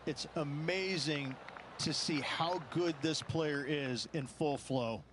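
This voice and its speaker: A man giving calm, explanatory golf course analysis for a video game. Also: on the high side, slow, slight background noise. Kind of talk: scripted video game commentary.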